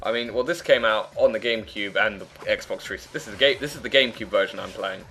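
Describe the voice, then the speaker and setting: A man's voice: lowish voice, quick pace, sharp tone. A man giving casual, opinionated let's play commentary in a chatty way. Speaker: gaming commentator and player. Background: faint game music and sound.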